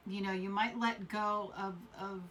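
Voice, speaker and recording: A woman's voice: mid-range voice, steady tone, unhurried, fairly bright tone, far from the mic, a little hiss or hum. A woman doing a casual tarot reading, rambling and repeating herself with many fillers. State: coughing fits. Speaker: tarot reader.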